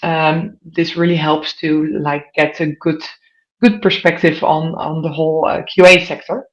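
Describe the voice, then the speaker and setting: Presenting at an online conference, this woman from the Netherlands, in her thirties, addresses questions straight to her listeners in a Dutch accent. Her low voice holds a steady tone at a measured pace, and the recording's highs are cut off.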